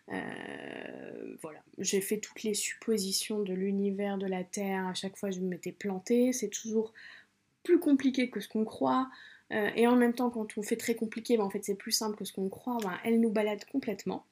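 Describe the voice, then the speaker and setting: Woman, podcast host, casual chat, hesitant, many restarts, husky. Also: mid-range voice, warm tone. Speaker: podcast host reviewing books.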